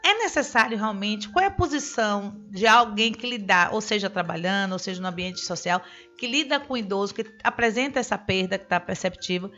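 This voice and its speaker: A Brazilian woman hosting a talk show, asking long, measured questions. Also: mid-range voice, sharp tone, soft background music. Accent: Brazilian Portuguese. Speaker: radio show host. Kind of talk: interview questions. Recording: dull lo-fi broadcast audio.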